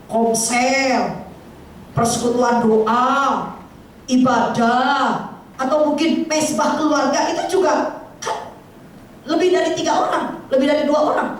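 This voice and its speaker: High-pitched woman pastor in her 40s, chatty lively sermon, really echoey hall. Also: slight background noise. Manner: lively and chatty, often addressing the congregation. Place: church hall. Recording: echoey hall, distant mic.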